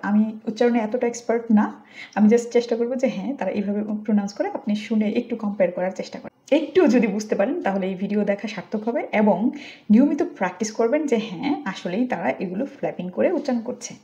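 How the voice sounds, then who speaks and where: A woman teaching English pronunciation on a video channel, explaining in Bengali with a Bangladeshi accent and slowly repeating English words and sentences. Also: mid-range voice, warm tone, highs cut off. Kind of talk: YouTube pronunciation lesson.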